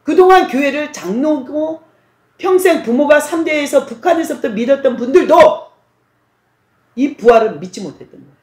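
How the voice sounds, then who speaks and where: A woman's voice: high voice, expressive, normal speed, darkish tone, echoey room. A woman preacher giving a testimony sermon, telling her story dramatically and acting out the voices of the people in it.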